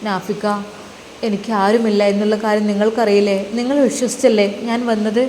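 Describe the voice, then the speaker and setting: A woman's voice: mid-range voice, little pitch movement, brisk, darkish tone, echoey room, big-room sound, slight background noise, lightly acted, rough recording. A woman voicing a frightened young pregnant wife who pleads tearfully with her husband. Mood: pleading fearful.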